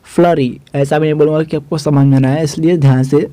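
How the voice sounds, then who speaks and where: A young man runs an English vocabulary lesson, addressing viewers as "guys," spelling every word letter by letter and going over its meaning again. He speaks brisk and steady with a fairly high, mellow voice, in a dry recording of poor quality.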